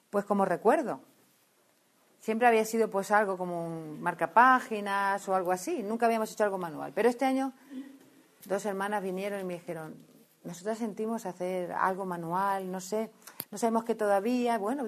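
A woman from Spain preaching to a women's gathering, animated and storytelling, often breaking off to restart her sentences. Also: medium pitch. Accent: Spain Spanish. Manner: animated, storytelling, self-interrupting. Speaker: women's ministry speaker. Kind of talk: sermon.

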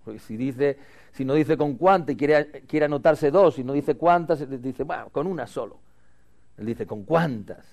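A male pastor preaching a sermon, leading the congregation in call-and-response and moving between loud emphatic lines and quiet asides. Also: mid-range voice, moderate pace, creaky.

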